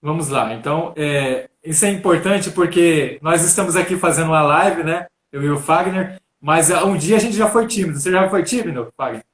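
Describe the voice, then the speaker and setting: A Brazilian man talks as a coach during a live session. His voice sits a touch high and carries a roomy echo. He explains patiently and keeps checking in with his listeners. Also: normal speed, few pauses. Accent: Brazilian Portuguese. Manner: calm, instructive, repeats "né?". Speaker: coach and speaker. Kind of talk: live stream talk, answering questions.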